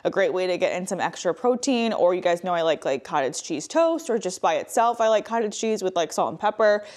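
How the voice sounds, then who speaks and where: A woman's voice: lowish voice, big pitch swings, brisk, a little mellow. Chatty woman in a home kitchen. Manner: chatty, upbeat, lots of "like" and "um". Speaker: lifestyle vlogger. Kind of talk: casual grocery haul chat. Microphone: clip-on lapel mic.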